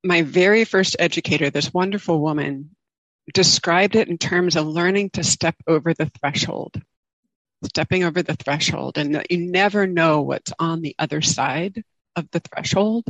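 A woman giving an informal dharma talk as a meditation teacher, speaking in a gentle, reflective and halting way. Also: on the low side, dry recording, rough recording. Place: online group video call.

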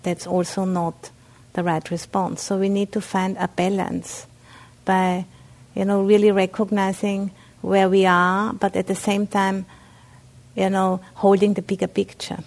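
Giving a dharma talk at a meditation center, an Austrian Buddhist nun with an Austrian German accent speaks haltingly, with many fillers and restarts. Her mid-range voice is a little mellow and shows little pitch movement.

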